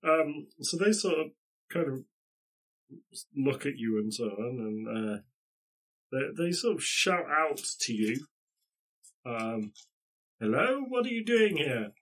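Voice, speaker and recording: A man's voice: mid-range voice, lively intonation, takes it slowly, long pauses, a bit bright. A man narrating a tabletop game as game master, rambling with many fillers and restarts.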